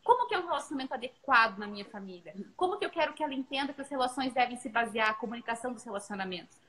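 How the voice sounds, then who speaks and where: A woman's voice: fairly high pitch, racing, poor audio. A woman in her thirties, a mother, chatting earnestly about parenting and telling stories from home. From Brazil. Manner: earnest, animated storytelling. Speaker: mother and co-host. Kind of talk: casual parenting chat.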